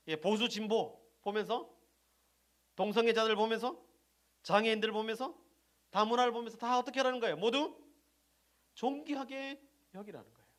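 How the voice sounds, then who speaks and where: Preaching as a pastor, this middle-aged man puts questions to the congregation and then supplies the answers. His delivery swings from forceful, loud stresses to quiet, low-voiced asides.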